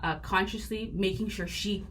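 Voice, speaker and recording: A woman's voice: medium pitch, steady tone, moderate pace, fairly bright tone, slight background noise. A woman, a guest talking earnestly and reflectively in a casual podcast interview. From Canada. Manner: earnest, reflective, with frequent fillers.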